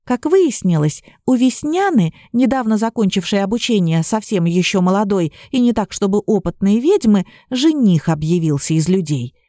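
A woman narrating a fairy tale in the first person, with a mellow, dark-toned voice and even delivery. The read is close and dry, with no room around it. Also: medium pitch, normal speed, hardly any pauses, no room sound. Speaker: audiobook reader.

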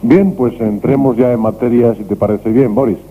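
A man hosting a late-night radio program, talking calmly and reflectively with a guest, on an old radio recording. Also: medium pitch, normal speed, slightly rough, phone-quality sound. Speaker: radio host.

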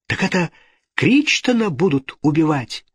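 Frightened young Italian girl, read by a man, high, terrified, pleading cries. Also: very animated, a little slow, fairly bright tone, breathy edge, dry recording, heavily acted.

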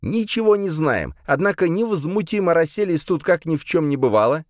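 A man doing a shouting, exasperated old man. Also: on the high side, sing-song, brisk, dry recording, studio quality, pitched above the performer's own voice. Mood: furious.

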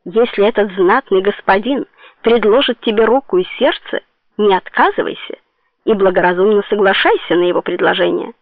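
A woman's voice: medium pitch, expressive, normal speed, dry recording, lightly acted. A woman voicing a mocking, bossy old woman in an audiobook, with a tinny phone-like sound. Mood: scornful. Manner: jeering, bossy.

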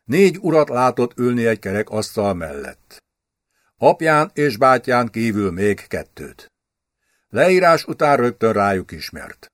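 A man narrates a historical novel for an audiobook, his medium voice rising and falling with lively shape. The recording is dry and close, with no room echo. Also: mid-range voice. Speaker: audiobook reader.

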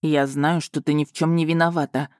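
A woman voicing a smug, teasing young male duke in an audiobook, speaking in a lowered, self-assured drawl. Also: level tone, fairly quick, a little mellow, no room sound, clean studio sound, lightly acted. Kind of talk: audiobook character voice.

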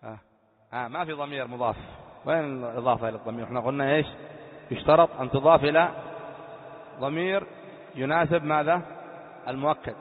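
A man's voice: medium pitch, fairly even intonation. Man teaching in an echoey hall. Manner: quizzes students with quick questions. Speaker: sheikh teaching grammar. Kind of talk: classroom grammar lesson. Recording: tinny lo-fi sound in echoey hall.

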